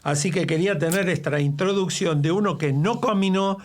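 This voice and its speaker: A man's voice: sits high, brisk. A man leading a church Bible study conversation, speaking emphatically and quoting scripture at length.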